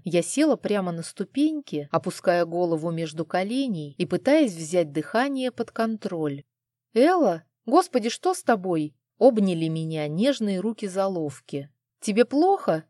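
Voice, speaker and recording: A woman's voice: on the low side, mellow, no echo, clean studio sound. A woman narrating a romance novel in the first person with a dramatic, emotional reading. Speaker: audiobook narrator.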